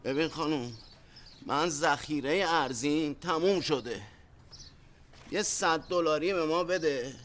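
Street hustler played by a man: high, wheedling, cheeky; a TV drama role. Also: a bit bright, a little hiss or hum, close to an everyday voice. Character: shabby pleading street hustler, middle-aged man. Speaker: beggar looking for money. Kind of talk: TV drama acting.

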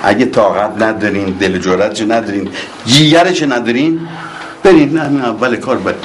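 A man's voice: fairly low pitch, a little hiss or hum. A man in a comedy sketch playing a stern uncle, boastful and commanding.

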